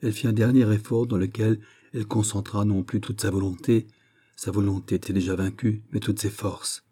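Low, dark, husky male narrator. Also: flat delivery. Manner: measured, dramatic reading. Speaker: audiobook narrator. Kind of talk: reading a classic novel aloud.

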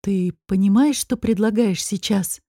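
A woman's voice: medium pitch, unhurried, warm tone, no room sound, studio quality. A woman reading the lines of a playful, affectionate male demon in an audiobook, in a teasing, coaxing way. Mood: tender.

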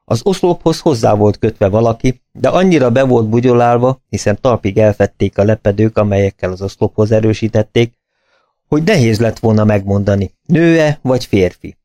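A man narrating an audiobook in a steady, measured storytelling manner. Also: fairly low pitch, no echo.

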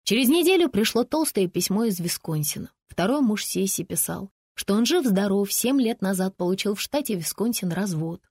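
A woman reading an audiobook in an even, measured way at a middle pitch. The recording is close and dry with no room sound. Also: slightly rough, no room sound. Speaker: audiobook narrator. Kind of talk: scripted narration.

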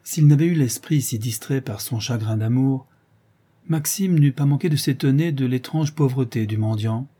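Male audiobook narrator, measured and expressive; dark, husky timbre. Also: mid-range voice. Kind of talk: audiobook storytelling.

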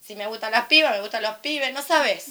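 A young adult woman from Argentina with a Rioplatense accent, talking casually on a panel, animated and irreverent, acting out the voices she quotes. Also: a little high, brisk, heavy background noise. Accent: Rioplatense Spanish. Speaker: panel speaker. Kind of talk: casual storytelling commentary at a panel.

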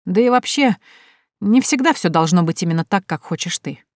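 A smug young charmer talks in a wheedling, needling way, read by a woman narrator. The voice sits low, and the recording is dry and close, with no room sound. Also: lively intonation, moderate pace, dry recording, close to an everyday voice. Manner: wheedling, then bitter and shouting.

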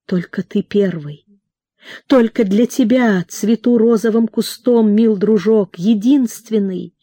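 A woman reading the part of a passionate, possessive young woman who speaks low and insistently. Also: takes it slowly, warm tone, no room sound, studio quality. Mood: tender.

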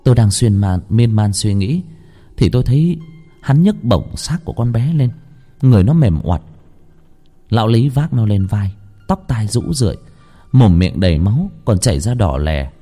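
A man tells a first-person ghost story with strong feeling, his voice dark and mellow. His pitch rises and falls widely as he moves between hushed narration and pleading. Faint music runs quietly beneath him. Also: animated, normal speed. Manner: emotional, swinging from hushed to pleading.

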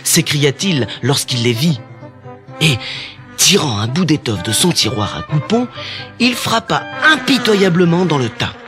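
A man narrating a children's fairy tale in an expressive, animated way. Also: on the high side, moderate pace. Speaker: storyteller. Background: music.

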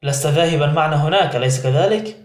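A man's voice: fairly high pitch, fast talker, roomy sound, natural voice. A man voicing a cold, drunken young man who answers dismissively in an audiobook.

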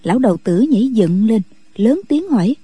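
A woman narrating a martial-arts novel as a radio story reading, in a steady, measured way with a husky voice. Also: fairly high pitch, no echo.

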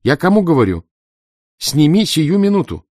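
A shrill, irritated mother, voiced by a man reading an audiobook snaps out sharp orders at her son. The voice sits high and swings widely between words. The recording is dry and close, with no room sound. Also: big pitch swings, normal speed, dry recording. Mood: scolding. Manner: sharp, scolding commands. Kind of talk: audiobook character voice.

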